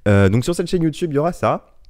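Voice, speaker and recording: A young adult man hosts his own podcast, chatting solo in a casual, rambling, self-mocking way full of digressions. His voice sits on the high side, expressive and darkish in tone, and he talks fast. He uses a ten-year-old microphone, yet the dry recording has studio quality.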